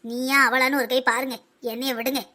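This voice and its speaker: A woman doing a squeaky old village mother-in-law. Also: level tone, brisk, sharp tone. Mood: scolding. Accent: southern Tamil Nadu. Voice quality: high, girlish voice for her age. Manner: teasing, bossy scolding. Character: bossy chatty older village mother-in-law. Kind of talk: village comedy cartoon dub.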